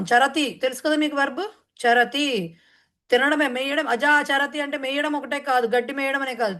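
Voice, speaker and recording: A woman Sanskrit teacher who chants a verse slowly, then explains it in quick talk mixed with English words. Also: high voice, fairly bright tone. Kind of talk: online class explaining a verse in Telugu.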